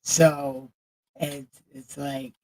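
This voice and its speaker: Slow, gravelly woman livestreamer. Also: extremely low pitch, level tone, a little mellow. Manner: candid, profane, chatting with viewers. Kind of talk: casual livestream chat.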